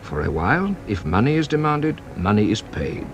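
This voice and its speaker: With a French accent and a teasing, theatrical delivery, a male actor takes the role of a shrewd, playful French police inspector in a British radio drama. His voice sits lowish with big pitch swings at a moderate pace, the mood turns grave and dramatic, and there is slight background noise.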